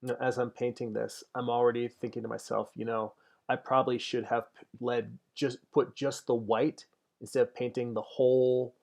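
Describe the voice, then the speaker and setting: A man in his forties with a gravelly, creaky edge to his voice, talking casually while he works. He thinks out loud as he goes and chats back to viewers between strokes. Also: medium pitch, level tone, normal speed. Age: 40s. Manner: thinks aloud, chatty, answers viewer comments. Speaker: digital painter streaming his work. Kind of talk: casual livestream talk while painting.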